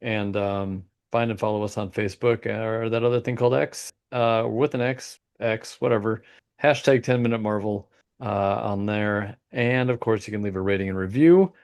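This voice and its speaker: A middle-aged man co-hosting a podcast in casual, jokey banter, a bit sleepy and quick to poke fun at himself. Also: fairly low pitch, a little mellow, clean tone. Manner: jokey, self-deprecating, laughs often. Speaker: podcast co-host.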